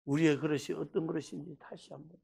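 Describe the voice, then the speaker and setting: A middle-aged man from Daegu with a Gyeongsang accent, preaching a revival sermon and telling stories with loud bursts and hushed asides. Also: a little high, quick pace, gravelly, husky. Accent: Gyeongsang Korean. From Daegu, South Korea. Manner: animated storytelling, swinging between loud bursts and hushed asides. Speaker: pastor.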